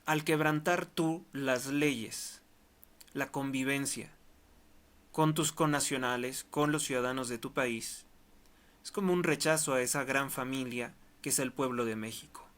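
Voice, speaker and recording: A man's voice: mid-range voice, steady tone, measured pace, fairly bright tone. A man from Mexico, delivering an emphatic political commentary monologue in short, repeated clauses. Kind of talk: monologue to camera.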